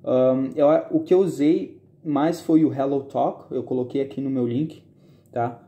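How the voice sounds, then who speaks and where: A man's voice: mid-range voice, fairly even intonation, unhurried, warm tone. A young man in his twenties from southern Brazil, explaining study tips in a casual vlog and often checking in with his viewers. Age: 20s. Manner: chatty, often checks in with listeners. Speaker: university student sharing study tips.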